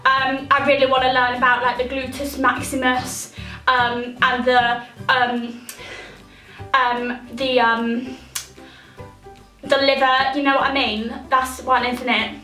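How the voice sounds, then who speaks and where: Woman acting gushing young dancer, bright high voice. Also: flat delivery, slow, echoey room, distant mic, faint music behind, full character voice, low-quality recording. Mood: gushing, rambling. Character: boastful, chatty young dancer at an audition.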